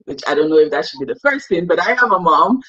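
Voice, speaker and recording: Husky young woman from Cameroon. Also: fairly low pitch, lively intonation, quick pace, a bit bright, highs cut off. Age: young adult. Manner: chatty, self-deprecating, laughs easily. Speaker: guest. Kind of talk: casual interview.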